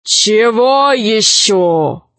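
A woman voicing an unhurried, smug many-headed dragon with a slow, drawling manner. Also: on the high side, expressive, a bit bright, no room sound, exaggerated voice. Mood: gruff.

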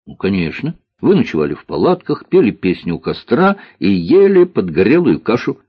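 Man doing a wry know-it-all little girl, calm, husky, dull dry sound. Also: on the low side, normal speed, dry recording, pitched above the performer's own voice, full character voice.

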